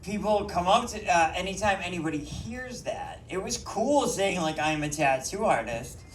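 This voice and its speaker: Lively intonation marks this Boston comic's high voice as he rambles through a self-mocking club set at normal speed, sprinkling in plenty of ums. The Boston accent is clear; the recording is roomy with a faraway mic and a little hiss or hum.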